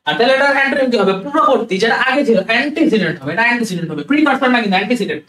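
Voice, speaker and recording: A man's voice: very high-pitched, expressive, rapid-fire, fairly bright tone. Man, vocabulary teacher, repeats himself, checks understanding, roomy echo, sits back from the mic. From Bangladesh. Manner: repeats words, keeps checking understanding, mixes in English. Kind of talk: vocabulary class lecture. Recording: echoey room, voice from a distance.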